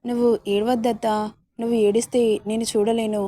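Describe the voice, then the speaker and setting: Feisty young bride, read by a woman, slightly high, warm tone. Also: little pitch movement, a little fast, no room sound, studio quality, close to an everyday voice. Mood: playful. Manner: feisty, playful. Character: young woman, spirited, feisty new wife.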